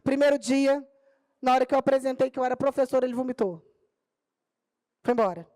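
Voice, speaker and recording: A middle-aged Brazilian woman from Minas Gerais speaks on a panel as a teacher and tells her story with lively energy, acting out the voices of the people in it. Her voice sits high, and the sound is dry and close, with little room echo. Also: fairly quick. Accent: Brazilian Portuguese, Minas Gerais. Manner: animated storyteller, acting out dialogue in her own telling. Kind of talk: storytelling talk at a public panel. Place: auditorium or conference room.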